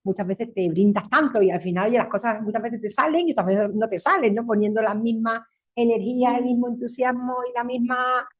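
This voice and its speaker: A woman's voice: fairly high pitch, fairly even intonation, a little fast. A woman around fifty with a Spanish accent, speaking on a panel in a reflective way and often ending her thoughts with a tag question. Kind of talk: panel discussion.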